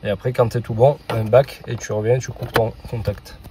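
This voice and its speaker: A man casually talking the viewer through a van oil change, relaxed and informal, with frequent filler sounds. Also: mid-range voice, normal speed, noisy background. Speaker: mechanic hosting a tutorial channel. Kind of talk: casual how-to instruction.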